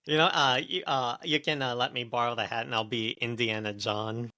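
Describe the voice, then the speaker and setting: A man's voice: mid-range voice, steady tone, a little fast, sharp tone. A man hosting a casual podcast chat, talking in a hesitant way with many fillers and restarts. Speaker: podcast host.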